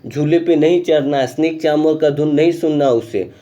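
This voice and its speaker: A man's voice: on the high side, dark tone, muffled recording. A male teacher reads a textbook chapter aloud. He then explains it in a chatty way and keeps checking in with the class. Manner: reads English text slowly, then explains it in chatty Hindi with repeated check-ins.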